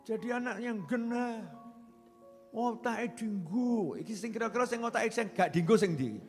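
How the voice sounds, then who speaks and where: High-voiced Javanese preacher in echoing hall. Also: male voice, moderate pace. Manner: lively, joking, mixes in Javanese phrases. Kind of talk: sermon. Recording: reverberant hall with faint music.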